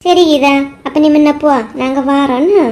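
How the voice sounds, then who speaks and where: A woman voicing a blunt, sharp-tongued village woman in a cartoon, with a Kanyakumari Tamil accent and blunt, scolding retorts. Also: high voice, moderate pace, lightly acted. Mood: soothing. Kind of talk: cartoon voice acting.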